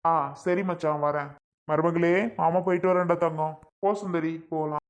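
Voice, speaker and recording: A woman's voice: low-pitched, level tone, moderate pace, muffled recording, close to an everyday voice. A woman voicing a caring adult man in a cartoon, an affectionate elder brother who coos over a baby. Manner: affectionate, coaxing baby talk. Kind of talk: cartoon voice acting.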